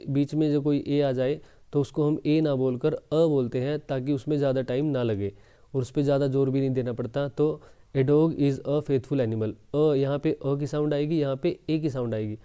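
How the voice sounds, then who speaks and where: Male teacher, mid pitch, smooth and very mellow tone, deliberate explainer. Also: fairly even intonation. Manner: slow deliberate reading of English sentences; explaining, addresses viewers as friends. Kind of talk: exam prep lesson.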